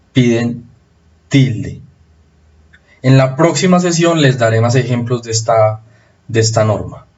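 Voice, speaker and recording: A man giving a recorded spelling lesson, explaining rules slowly and repeating them for emphasis. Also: medium pitch, darkish tone, dull audio. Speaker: spelling teacher.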